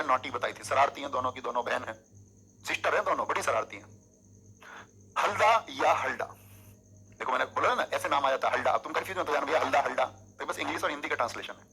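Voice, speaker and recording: A man with a bright, husky voice teaches an exam coaching class. He talks in an animated, coaxing way and keeps drilling memory tricks. The sound is a little lo-fi. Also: mid-range voice.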